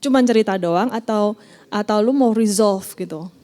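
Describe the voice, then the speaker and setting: Woman with slang, mellow voice. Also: medium pitch, normal speed. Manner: mixes English phrases into casual slang, frequent fillers; animated when acting out examples. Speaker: church youth leader giving a talk. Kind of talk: casual talk to a group.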